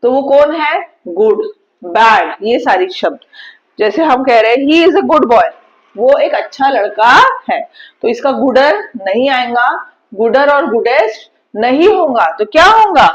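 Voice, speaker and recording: A woman's voice: high voice, lively intonation, a little slow, dull audio. A woman teaching an English grammar lesson in a classroom style, explaining step by step and answering her own questions.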